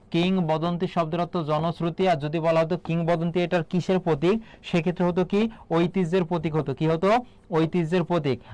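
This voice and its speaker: A man from Bangladesh gives an exam-prep lesson, firing off a question, then repeating the answer so it sticks. His voice sits a little high for a man. The recording is dry and close. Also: darkish tone, no echo. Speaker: teacher.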